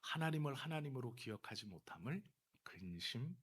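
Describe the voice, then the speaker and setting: Male pastor in the pulpit with a husky tone, telling stories, dropping low then pressing hard. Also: sing-song, fairly quick. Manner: storytelling, swings from hushed asides to heated emphasis. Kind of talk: sermon. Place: church sanctuary.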